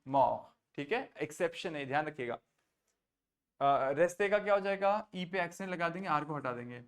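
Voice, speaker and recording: Guy teaching french in hindi, kinda high voice, patient, keeps asking if everyone gets it. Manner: patient, checks understanding often; mixes Hindi and English, spells out French verb forms. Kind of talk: online class teaching.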